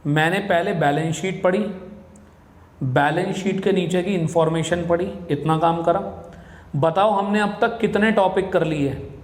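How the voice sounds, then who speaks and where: A man's voice: sits high, measured pace. A man teaching a commerce class, explaining step by step, calling his students "beta" and putting questions to them. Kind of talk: classroom lecture. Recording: echoey classroom with long reverb.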